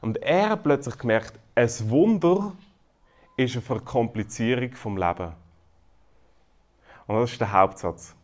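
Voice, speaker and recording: A man's voice: medium pitch, a little slow, long pauses. Man, 30s, Swiss German accent, pastor, conversational sermon, humorous. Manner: lively, conversational preaching with frequent "oder?" tags and self-deprecating humor. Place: church.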